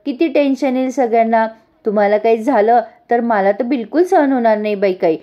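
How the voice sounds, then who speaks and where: A woman voicing a flattering young daughter-in-law who coaxes an old man in a TV serial recap. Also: a little high, brisk, dull audio, lightly acted. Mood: coaxing. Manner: coaxing, fawning.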